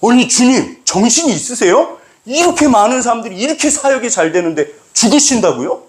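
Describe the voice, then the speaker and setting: A man voicing an agitated male apostle who scolds his master in a high, strained, protesting voice. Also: big pitch swings, brisk. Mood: indignant rebuke. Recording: echoey church sanctuary.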